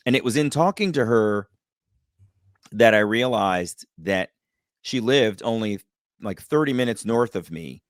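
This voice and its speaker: A man telling a personal story as a podcast guest, lively and acting out the voices of the people in it. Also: on the low side, a little slow, pauses often, no room sound, studio quality. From United States. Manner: animated, acts out quoted voices. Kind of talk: storytelling in a casual interview.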